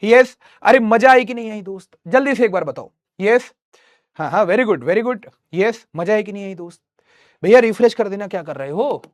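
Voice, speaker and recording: A man's voice: sits high, expressive, moderate pace, no echo. A young man teaching math live online, teasing students and reading their chat messages.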